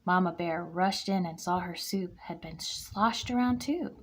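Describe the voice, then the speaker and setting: A woman's voice: lowish voice, a little slow, breathy edge. A woman reading a children's picture book aloud to a kindergarten class, acting out the character lines. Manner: expressive, acts out character lines. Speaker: guest reader for a kindergarten class.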